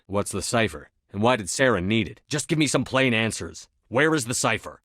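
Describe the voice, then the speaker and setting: Tough space military commander in a game, low voice, terse n in control, super dry close sound. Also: male voice, a bit bright, no echo. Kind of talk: video game dialogue acting.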